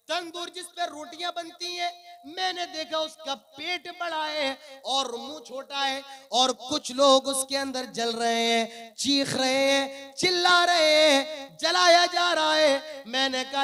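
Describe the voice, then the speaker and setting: A man in his late twenties giving an impassioned religious speech as a preacher, declaiming fervently and swelling loud on his exhortations. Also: very high-pitched. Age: 20s. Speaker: Islamic preacher.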